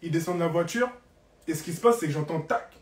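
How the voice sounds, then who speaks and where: A young man telling a story on a live stream in an animated, dramatic way, repeating phrases for emphasis. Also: fairly high pitch, quick pace. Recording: roomy, distant from the mic.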